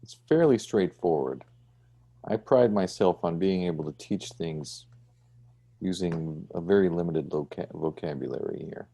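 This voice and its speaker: A man's voice: low-pitched, measured pace, gravelly, mellow. A man teaching an online design class over a video call, chatty and checking in with "right?". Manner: conversational, often checks with "right?".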